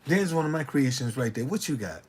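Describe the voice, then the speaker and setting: A man in his late sixties talking casually to the camera with slangy street swagger, repeating himself in animated, indignant retorts. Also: mid-range voice, brisk, breathy edge. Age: 60s.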